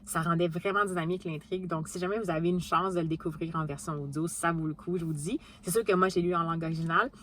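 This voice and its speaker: A woman's voice: fairly low pitch, fairly even intonation, fast, hardly any pauses, a bit bright, slight background noise. A woman with a Québécois French accent chatting casually about her reading, with many fillers and restarts. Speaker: book vlogger. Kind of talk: casual book vlog chat.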